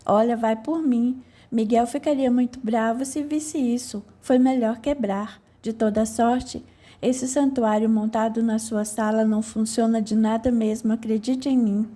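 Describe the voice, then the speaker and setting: A woman voicing Death as an elegant, sarcastic gentleman in an audiobook. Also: fairly high pitch, steady tone, measured pace. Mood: mocking. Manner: sarcastic, teasing. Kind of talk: audiobook character reading.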